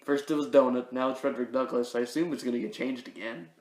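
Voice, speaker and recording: Man, podcast co-host, playful improvised comedy, mid-pitched voice, roomy echo. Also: steady tone, darkish tone. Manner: playful, goofy, quick to laugh.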